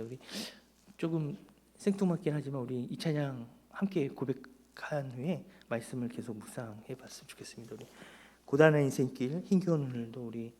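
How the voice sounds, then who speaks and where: A male pastor preaching an impassioned sermon at a Friday prayer meeting in church, often dropping to a hushed, near-whispered delivery. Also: medium pitch.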